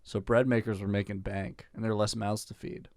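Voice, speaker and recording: A man talking as a podcast guest and cartoonist in casual chat, with joking deadpan asides. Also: on the low side, a little fast, no room sound, clean studio sound. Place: podcast studio.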